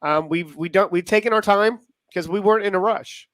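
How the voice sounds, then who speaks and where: High-voiced American man chatting on a show. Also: a little fast, fairly bright tone, dry recording. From United States. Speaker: show co-host. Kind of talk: casual chat on a live show.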